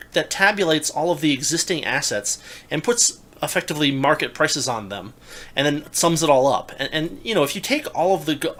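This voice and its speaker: A young adult man in casual political talk, animated and incredulous, often restarting his sentences. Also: mid-range voice. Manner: animated, rising to loud incredulous emphasis; restarts and stammers mid-sentence. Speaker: podcast co-host.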